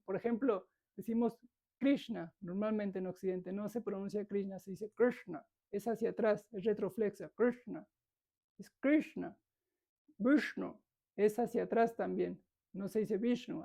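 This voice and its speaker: A woman's voice: medium pitch, mellow. A woman, patiently lecturing a yoga philosophy class and demonstrating pronunciation.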